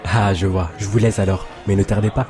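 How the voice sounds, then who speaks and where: A man's voice: on the low side, fairly even intonation, brisk, dark tone, soft background music, some chatter behind, natural voice. Man playing a polite, formal rich fiancé. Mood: courteous. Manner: courteous, formal. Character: polite well-off young fiancé.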